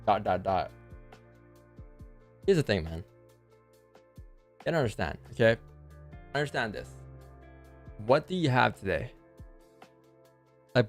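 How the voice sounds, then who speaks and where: A man hosting a live trading stream in casual, instructive chat, with a speech impediment that keeps him from pronouncing his R's properly. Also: medium pitch. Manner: instructing, rhetorical questions, repeats points. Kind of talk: livestream commentary and casual chat. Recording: music behind. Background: music.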